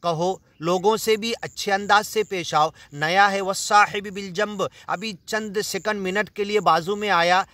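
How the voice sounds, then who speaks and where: A man's voice: high-pitched, steady tone, hardly any pauses, bright, forceful tone, no echo. A man from India with an Indian Urdu accent, earnestly explaining Quran verses in a sermon, reciting Arabic lines and then paraphrasing them. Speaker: Quran teacher.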